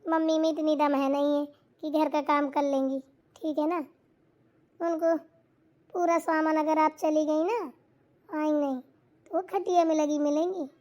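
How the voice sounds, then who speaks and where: A woman's voice: high voice, fairly even intonation, a little mellow. A woman voicing a bossy, meddling young sister-in-law in a cartoon, giving orders and advice. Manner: quick, bossy, advising. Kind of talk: cartoon voice acting.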